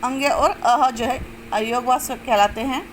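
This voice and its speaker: A woman teaching a grammar lesson step by step, asking questions and answering them herself, and drawing out sounds slowly to show them. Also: on the high side, steady tone, slight background noise, low-quality recording. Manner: explains step by step, asks and answers own questions. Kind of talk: classroom-style lesson.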